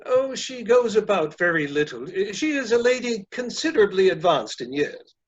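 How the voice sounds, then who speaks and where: A man playing a polite, flustered gentleman suitor in a comic play reading, hesitant, formal and apologetic. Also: high-pitched, big pitch swings, moderate pace, highs cut off. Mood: polite, uneasy.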